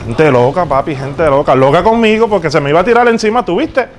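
A man's voice: fairly high pitch, fast, close to an everyday voice. Man playing a boastful fake star singer, Puerto Rican. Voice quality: boastful, pushy, calls everyone papi. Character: male self-important fake famous Puerto Rican singer. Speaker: prank show host. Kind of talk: hidden-camera prank.

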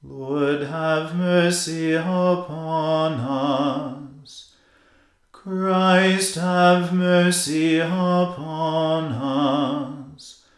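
A church choir singing an evening liturgy in slow, even chant, with a cathedral echo. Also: medium pitch. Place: large stone cathedral. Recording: roomy cathedral echo, faint music.

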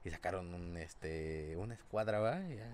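A man's voice: low-pitched, normal speed, darkish tone, a little hiss or hum. A young man with a Mexican accent, co-hosting a casual comedic chat, telling rambling slang-filled stories and laughing often. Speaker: podcast co-host.

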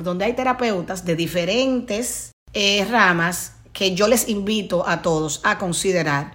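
A woman with a Dominican accent, a podcast guest giving animated, preachy advice straight to listeners. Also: mid-range voice. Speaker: guest speaker on leadership and wellbeing. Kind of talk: podcast conversation.

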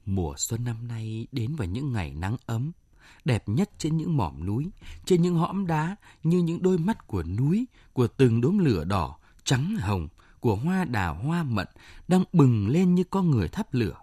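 Expressive, mellow male story reader. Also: mid-range voice, moderate pace, breathy edge, dry recording, studio quality. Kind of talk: expressive literary narration. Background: faint music.

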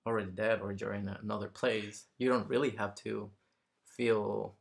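A gravelly, lowish male voice at normal speed and with little pitch movement belongs to a Mexican interview guest. His talk is easygoing and reflective; he gropes for words and often seeks agreement with a tagged "right?"

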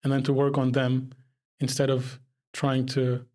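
A man's voice: medium pitch, monotone, unhurried, darkish tone. Young man from Pakistan, reflective. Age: young adult. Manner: reflective, laughs often. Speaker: podcast guest. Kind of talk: casual conversation.

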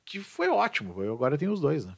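A man's voice: fairly high pitch, fast talker, vocal fry. A man, an English teacher chatting casually and animatedly. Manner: animated, repeats and restarts words. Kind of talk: casual podcast chat.

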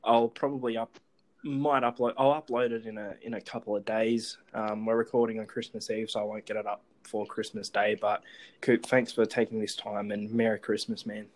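A man's voice: on the low side, little pitch movement, moderate pace, low-quality recording. An Australian man hosting a podcast, chatting casually as a sports fan. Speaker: podcast host.

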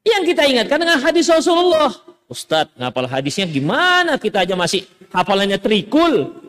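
A man preaching a lively, conversational sermon, quoting Arabic and acting out parents and children. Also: high voice, brisk. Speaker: Islamic preacher.

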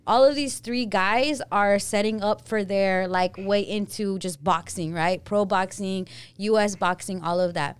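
A woman's voice: mid-range voice, measured pace, smooth, dry recording. A woman hosting a podcast, chatting casually, swearing and laughing often. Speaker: podcast host. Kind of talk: casual chat.

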